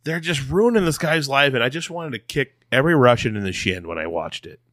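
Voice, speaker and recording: A man's voice: mid-range voice, animated, brisk, fairly bright tone, no room sound, clean studio sound. A man co-hosting a podcast, chatting casually, laughing often and getting worked up over stories. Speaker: podcast co-host. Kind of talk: casual chat.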